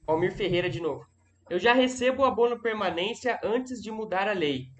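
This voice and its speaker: A man's voice: high-pitched, animated, a little fast, a little hiss or hum. A man moderating a live session, reading out viewer questions and giving brief acknowledgments between them.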